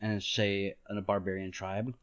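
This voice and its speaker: A man's voice: low voice, little pitch movement, moderate pace, fairly bright tone, clean tone. A man hosting a podcast, explaining ideas in casual chat, talking it through with frequent "like" and "right?" and laughing easily. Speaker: podcast host. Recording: dull lo-fi podcast audio.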